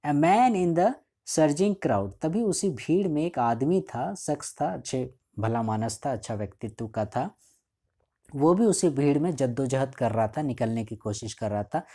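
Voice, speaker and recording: A male teacher giving a line-by-line explanation of a school chapter. He reads English lines slowly, then explains them in a casual way, often checking in with the students. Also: medium pitch, mellow. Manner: frequent checking fillers.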